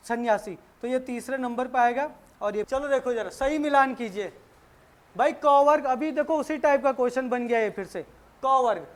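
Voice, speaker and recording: A woman with a high voice leads an exam-prep lesson, talking casually to her students. She poses a question, pauses, then answers it herself, walking through each point step by step. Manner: asks rhetorical questions and answers them step by step; casual, addresses students as brother. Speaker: Hindi teacher.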